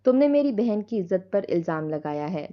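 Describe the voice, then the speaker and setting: A stern, protective brother with a harsh, scolding tone, voiced by a woman narrating a story. The delivery stays close to a plain reading voice, mid-pitched and slightly muffled. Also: sing-song, natural voice. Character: stern angry adult brother, protective of sister.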